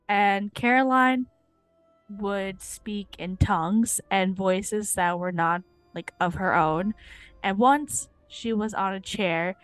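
A woman's voice: mid-range voice, smooth, no room sound. Young woman co-host, loose chatty delivery, dry close sound. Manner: casual, swears, lots of fillers. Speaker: podcast co-host. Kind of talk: casual chat.

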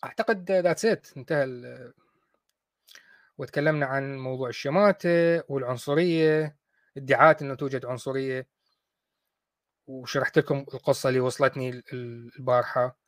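A man hosting a talk show, talking casually and mocking his opponents with quick acted asides. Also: mid-range voice, dry recording, clean studio sound. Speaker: host of a call-in discussion show.

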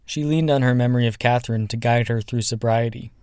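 A man delivering scripted documentary narration in an even, composed way. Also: medium pitch, fast talker, smooth, no echo, studio quality.

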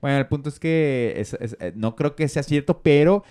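A man's voice: on the high side, moderate pace, dark tone, clean tone. A man with a Mexican Spanish accent in casual chat, speaking in a thoughtful, hedging way.

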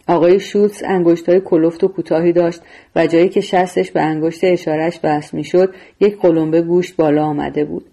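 A woman narrating a novel in a steady, measured reading voice. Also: sits low. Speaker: audiobook narrator. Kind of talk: scripted storytelling narration.

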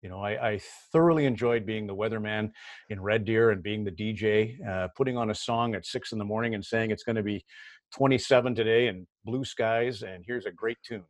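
Low-voiced man, dry close sound. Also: a little fast, dry recording. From Canada. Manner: conversational, repeats words when starting a thought. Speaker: hockey broadcaster guest. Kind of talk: casual interview storytelling.

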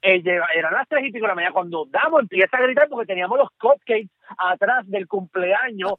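Puerto Rican man, caller, animated storyteller, high voice, tinny dry phone line. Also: quick pace, no room sound. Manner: animated storyteller, repeats "¿ok?" and "te lo juro". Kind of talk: telling a story on a call-in show.

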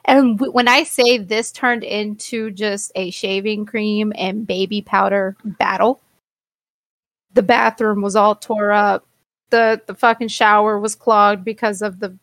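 Chatting casually on her podcast, a female co-host animatedly recounts a story, cursing freely and imitating what others said. She speaks slowly at medium pitch, with no echo.

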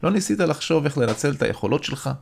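A man's voice: fairly high pitch, expressive, creaky, slight background noise, pitched above the performer's own voice. A man voicing a curious, encouraging male friend who teases and laughs easily, in an audiobook. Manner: encouraging, teasing, quick to laugh. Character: warm, curious, joking adult male friend. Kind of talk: audiobook character voice.

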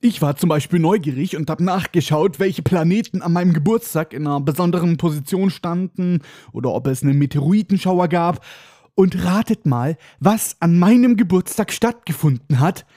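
A man's voice: a little high, moderate pace, dark tone, no echo, studio quality. A man hosting a casual book podcast, recapping chapters with sarcastic, irreverent asides. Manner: sarcastic, irreverent, mock-dramatic. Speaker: podcast host.

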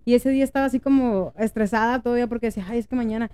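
A young woman with a Mexican Spanish accent, co-hosting a podcast, telling stories in lively, slangy casual chat. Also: on the high side, racing, clean tone. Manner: lively storyteller, slangy and animated. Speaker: podcast co-host.

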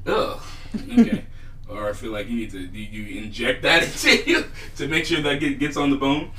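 A man's voice: medium pitch, normal speed, echoey room, recorded from a distance, a loud crowd, poor audio. A man hosting a casual chat podcast, talking in a laid-back, rambling way and laughing often. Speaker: podcast host.

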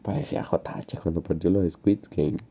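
A young man with a Honduran accent telling a personal story in a casual, slangy, animated way. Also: low voice, normal speed, vocal fry, slightly rough. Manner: animated, slangy, acts out his own crying. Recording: dull lo-fi recording, faint music.

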